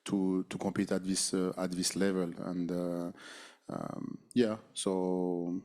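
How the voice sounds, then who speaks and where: A male basketball coach with a French accent and French as his first language, answering at a postgame press conference in halting English, full of fillers and restarts. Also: low-pitched, little pitch movement, warm tone.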